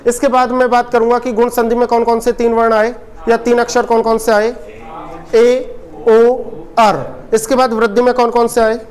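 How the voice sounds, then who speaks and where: A man's voice: very high-pitched, little pitch movement, normal speed. A man teaching a coaching class, quizzing students again and again and answering his own questions. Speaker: Hindi teacher. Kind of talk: classroom lecture with call-and-response drilling.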